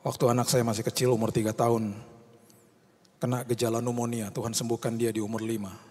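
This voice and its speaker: A man's voice: medium pitch, flat delivery, fairly quick, darkish tone, breathy edge. A male pastor preaching an impassioned sermon, slipping English phrases into his talk and rising to fervent cries. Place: church hall. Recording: long reverb of a large hall.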